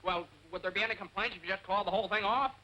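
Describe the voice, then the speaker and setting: An actor playing a mild, awkward young nephew, hesitant and polite, in 1940s screwball comedy banter. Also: male voice, sits high, steady tone, rapid-fire, bright, forceful tone. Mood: reluctant. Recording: faintly noisy 1940s film soundtrack.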